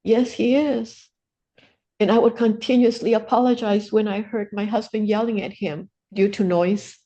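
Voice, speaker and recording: A woman's voice: medium pitch, fairly even intonation, moderate pace, dark tone, highs cut off. An older woman speaking at a court hearing as the defendant's wife, earnest and repetitive, with stammering restarts.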